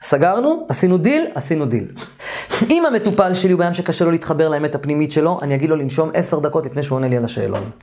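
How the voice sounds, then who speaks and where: Animated man giving an informal lecture. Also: on the high side, a little hiss or hum. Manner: animated, acts out therapy dialogues with raised voice; trails off and restarts sentences often. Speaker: therapy course lecturer.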